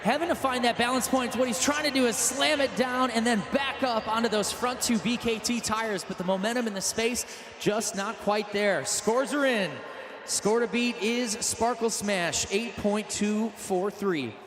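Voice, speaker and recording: Male sports commentator, very high pitched, hyped shouting play-by-play, echoey stadium sound. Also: normal speed. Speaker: event commentator announcer. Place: large stadium event. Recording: echoey stadium PA, loud engine noise.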